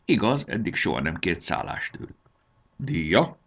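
A man reading a children's storybook aloud as narrator, in an expressive, animated way. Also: sits low, gravelly.

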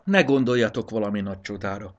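A man's voice: fairly low pitch, highs cut off, lightly acted. A man doing a shy, fussy little notebook. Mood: prim apologetic. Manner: fussy, apologetic, long-winded. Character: polite shy small math notebook, male.

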